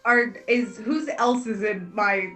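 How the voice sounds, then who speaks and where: A woman's voice: mid-range voice, slow, a bit bright, distant mic, faint music behind. A woman playing in a tabletop game, asking the game master questions in a hesitant way. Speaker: player.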